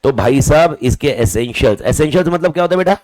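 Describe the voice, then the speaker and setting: A man in his own voice teaching a class with an animated delivery, his pitch swinging widely from phrase to phrase. The sound is dry and close, with no room echo. He often throws questions at the class and answers them himself, drumming in key words. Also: quick pace. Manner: casual, calls students "boss" and "brother". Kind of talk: lively classroom lecture.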